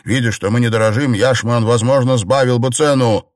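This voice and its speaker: A man's voice: mid-range voice, steady tone, a little fast, no echo, clean studio sound, pitched above the performer's own voice, lightly acted. A man voicing a stubborn young nobleman. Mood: agitated. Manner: agitated, insistent.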